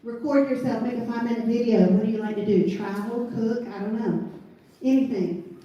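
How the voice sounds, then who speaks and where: A woman with a deep Southern US accent gives an informal motivational training talk, folksy and emphatic, often checking in with short tags. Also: fairly even intonation, a little fast, dull audio. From southern United States. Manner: folksy, emphatic, repeats check-in tags like okay and all right. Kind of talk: informal motivational presentation to a group. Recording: echoey room, distant mic, faint noise.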